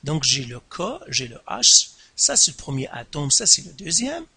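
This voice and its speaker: A man teaching a science lesson, speaking slowly and deliberately, repeating and stressing each term with jumps in pitch. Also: sing-song, bright, forceful tone, husky, no echo. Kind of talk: classroom lesson explaining at a board.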